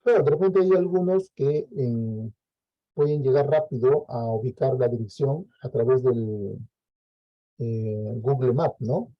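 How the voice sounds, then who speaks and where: A man's voice: mid-range voice, a little slow, dry recording, highs cut off. A Peruvian man lecturing a class, explaining step by step and checking in with frequent "¿no?" tags. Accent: Peruvian Spanish. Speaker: teacher.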